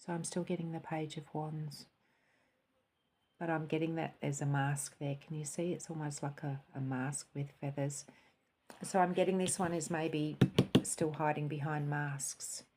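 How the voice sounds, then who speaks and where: In a deep, husky voice at a moderate pace, a woman gives a spiritual tarot and cup reading. She's soft and contemplative, sometimes lowering into a quiet, calm voice.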